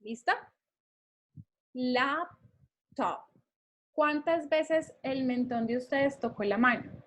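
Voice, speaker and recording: A woman with a high voice leads an English class. She explains things patiently and keeps checking that her students are following. She speaks into a computer mic for a recorded online class. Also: unhurried. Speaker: English teacher.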